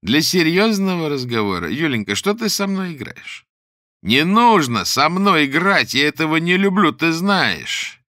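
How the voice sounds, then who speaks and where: A man voicing an unhinged stalker who taunts in a loud, drawn-out, mock-sweet way. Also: fairly high pitch, sing-song, dry recording, studio quality, voice pushed up. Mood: coaxing menace.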